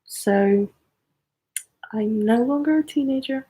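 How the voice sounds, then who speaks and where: A woman's voice: fairly high pitch, slow pace, dark tone. A woman of twenty chatting casually on a livestream, hesitant and full of fillers and apologies. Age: 20s. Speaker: YouTuber on a livestream. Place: apartment.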